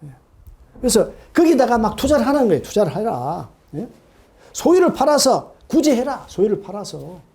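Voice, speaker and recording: Animated high-voiced male pastor. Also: a little fast, vocal fry. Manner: animated, asks the congregation questions and acts out quoted voices. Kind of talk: sermon. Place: church sanctuary.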